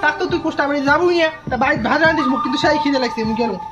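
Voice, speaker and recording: Brief: man as a quick-talking Rajbanshi son-in-law, music under the voice. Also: very high voice, lo-fi sound. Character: sly young son-in-law. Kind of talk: village comedy sketch acting. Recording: background music.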